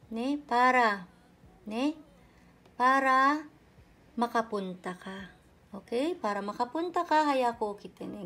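Slow, gravelly-voiced woman teaching grammar. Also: mid-range voice, a bit bright, a little hiss or hum. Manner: repeats each example sentence slowly, checking with "ne?"; polite and patient, uses respectful "po". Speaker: Japanese language teacher. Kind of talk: explaining grammar in a lesson.

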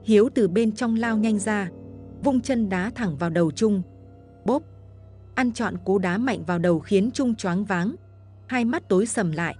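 A woman's voice: medium pitch, unhurried, a little mellow, faint music behind. Dramatic woman horror storyteller. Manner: dramatic, vivid narration.

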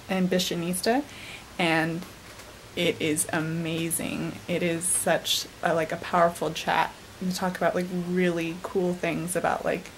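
Holding a camera at arm's length, a vlogger in her twenties talks casually from her bedroom, scattering "um" and "like" throughout. Her voice sits on the low side. The low-quality recording has a bit of hiss or hum.

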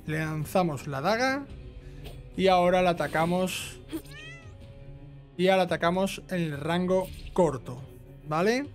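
A video game trophy guide host with an accent from Spain walks through a game step by step in an informal, instructional way, often finishing phrases with a checking tag. His voice is high, a little slow and marked by long pauses, over soft background music.

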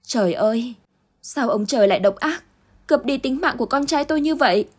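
A woman voicing a grieving young mother who pleads and cries out in a raised voice, with a husky tone. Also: moderate pace, dark tone, lightly acted. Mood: distraught. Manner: pleading, crying out high.

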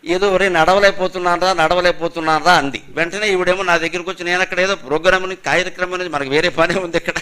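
A man's voice: sits high, steady tone, very fast, pushed and bright. An older man giving a spiritual discourse, speaking emphatically with rhetorical questions and chanting Sanskrit verses and divine names.

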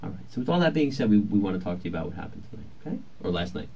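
Rapid-fire and sing-song, this male detective's low, slightly mellow voice questions someone in an interview room. He is courteous, methodical and reassuring, heard on an old tape with muffled lo-fi quality and faint hiss.

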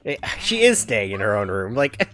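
A man's voice: fairly low pitch, very animated, moderate pace, a bit bright. A man giving casual let's-play commentary in a chatty, giggly, rambling way with many fillers. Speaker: gaming video host.

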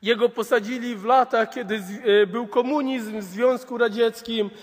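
A man's voice: very high-pitched, steady tone, normal speed, in a large hall. A man preaching a sermon, retelling a story as a storyteller and often repeating "he says".

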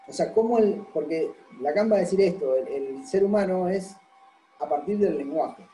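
A man's voice: sits high, lively intonation, normal speed, mellow, echoey room, faint music behind, poor audio. A man giving a university lecture. He explains patiently and keeps checking that the class follows. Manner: explanatory, constantly checks understanding with "¿sí?".

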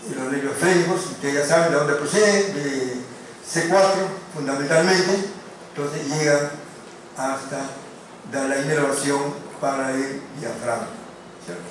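A male lecturer teaching a class, who often stops on fillers and keeps checking in with quick tag questions. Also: on the high side, a little hiss or hum. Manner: hesitant, with many fillers and restarts. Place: lecture room. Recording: very echoey room, mic far off.

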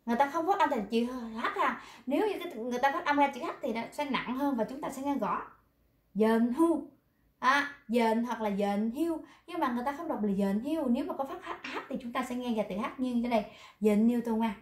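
A woman's voice: high-pitched, lively intonation, quick pace, hardly any pauses, roomy sound. Coaxing woman teacher explaining pronunciation. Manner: repetitive, coaxing classroom explanation. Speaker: Korean language teacher.

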